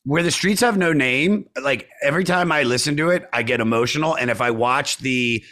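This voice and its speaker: A man hosting a podcast, chatting casually and excitably, dropping into low mutters and bursting into laughter. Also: a little fast. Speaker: podcast host.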